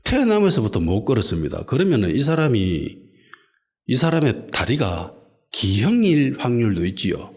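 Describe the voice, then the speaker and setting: A pastor preaches, his pitch rising and falling in a lively sweep. He throws rhetorical questions at the congregation and then drops to quiet asides. His voice sits in an ordinary middle register for a man. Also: normal speed. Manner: rhetorical questions, dramatic shifts between loud and soft. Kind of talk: sermon. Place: church sanctuary.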